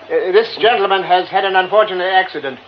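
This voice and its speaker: An actor playing a formal, courteous gentleman who speaks haltingly, in a radio drama. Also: high-pitched, close to an everyday voice. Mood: insistent. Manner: formal, halting, hesitant speech. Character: formal, insistent gentleman, courteous and guilt-ridden. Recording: dull lo-fi radio recording, faint hiss.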